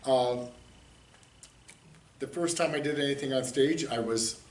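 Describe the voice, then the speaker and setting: A man's voice: medium pitch, measured pace. A man in his sixties, raised in the United States, answering interview questions in an easygoing, rambling way with chuckles. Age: 60s. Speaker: interviewee, community theater director. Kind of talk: casual interview talk. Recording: roomy echo, distant mic, faint hiss.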